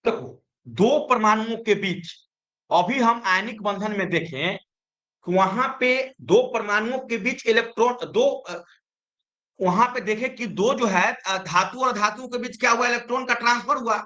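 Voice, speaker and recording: A man's voice: high-pitched, unhurried, bright, forceful tone. A man teaching a chemistry lesson, who keeps asking his students questions and answering them himself. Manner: explains with repeated questions to students.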